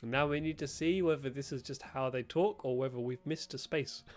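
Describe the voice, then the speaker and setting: A man's voice: mid-range voice, moderate pace. Playful man commenting on a game. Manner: playful, sarcastic, chatty, laughs often. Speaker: gaming streamer. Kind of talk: let's-play commentary. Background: faint game music.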